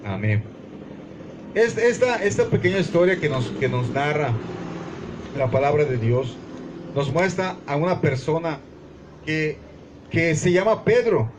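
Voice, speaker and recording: A man's voice: a little high, lively intonation, measured pace, slight background noise. A man with a Mexican Spanish accent preaching a sermon to his congregation in a small mission church, calling them brothers and reading scripture with fervor. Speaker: pastor.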